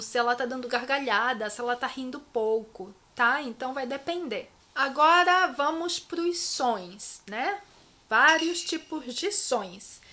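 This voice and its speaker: A Brazilian woman giving a casual language lesson, acting out each sound word with playful, expressive repetition. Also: high-pitched. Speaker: Japanese language teacher and vlogger. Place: her home in Japan.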